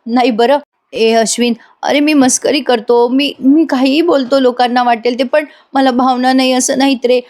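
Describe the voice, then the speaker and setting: A woman's voice: a little high, warm tone. A woman voicing an anxious young man, pleading emotionally with a friend, as part of a serial recap.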